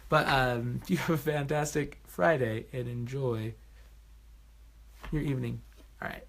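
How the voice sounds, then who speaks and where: A man hosting his own vlog, giving a casual spoken movie review from a room at home at night, excitable and effusive, swinging between loud bursts and soft murmurs. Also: medium pitch, a little slow, vocal fry.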